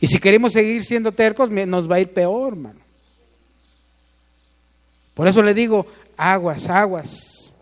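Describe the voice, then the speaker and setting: High-voiced Mexican man preaching in an echoing hall. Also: a little slow, pauses often. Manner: asks the congregation questions and calls for amens. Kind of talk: sermon.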